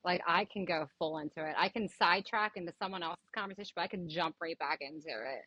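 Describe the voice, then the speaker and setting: Podcast guest: blunt New woman, lower voice, dry close sound. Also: fast talker, no room sound, lo-fi sound. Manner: blunt, animated, swears freely. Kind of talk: casual chat.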